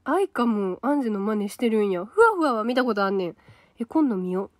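A woman's voice: on the high side, animated, fast talker, no echo, studio quality. Chatty Kansai-accented young woman livestreaming. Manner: casual, chatty, reacts to comments aloud. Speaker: idol trainee livestream host. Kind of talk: solo livestream chat reading viewer comments.

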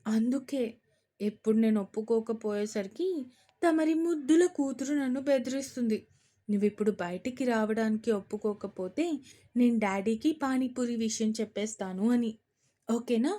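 A strict young mother who scolds her family and stammers when cornered, as a woman reads her in an audio story. The voice is fairly high and close to the reader's own. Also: moderate pace, mellow, lightly acted. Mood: flustered.

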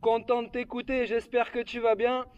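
A man's voice: extremely high pitch, level tone, moderate pace, clean tone. A man working as an amateur radio operator, speaking over a handheld walkie-talkie from a hilltop in a ham radio exchange full of call signs and signal reports. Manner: repeats the other operator's name and "QSL" often. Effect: heard over a handheld walkie-talkie radio link. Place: outdoors on a hilltop. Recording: faint, distant, lo-fi radio transmission.

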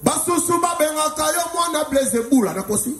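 A Congolese man doing live stand-up, telling animated stories and shouting out the punchlines. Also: very high-pitched, a little fast. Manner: animated, often shouting punchlines, mixing two languages. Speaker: stand-up comedian. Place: live stage in a hall. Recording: echoey live hall with music.

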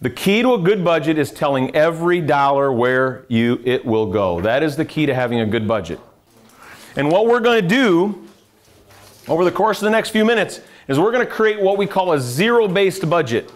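A man's voice: fairly high pitch, expressive, moderate pace. A middle-aged American man, a financial adviser, giving a live classroom lecture with a conversational manner, quizzing the room and dropping dry sarcastic asides. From United States. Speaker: financial adviser teaching a seminar.

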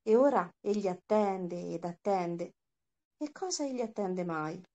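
A woman voicing a wise, solemn male prophet, reading his lines in a measured, calm way. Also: mid-range voice.

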